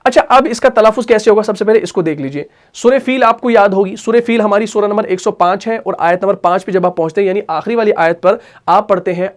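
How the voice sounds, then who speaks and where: A man teaching Quran recitation rules. He asks questions and answers them himself, and repeats sounds and recites verses slowly to show them. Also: sits high. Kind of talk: tajweed lesson.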